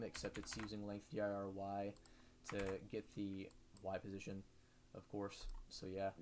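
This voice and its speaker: A man talking through a casual coding tutorial, halting with many fillers and self-corrections. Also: on the low side. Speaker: modding tutorial host. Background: background music.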